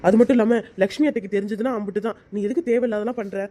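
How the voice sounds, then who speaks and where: A woman's voice: medium pitch, fairly even intonation, rapid-fire, warm tone, natural voice. A woman voicing a meek young man. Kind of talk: cartoon voice acting.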